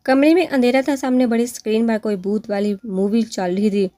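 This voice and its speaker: A woman reading an audio novel aloud in a steady storytelling manner. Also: fairly high pitch, no room sound, clean studio sound. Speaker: narrator.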